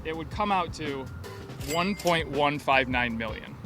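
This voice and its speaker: A man in his thirties hosting a street interview outdoors on a city street, asking quick questions and running through numbers in an upbeat way. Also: a little high, lively intonation, over music. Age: 30s.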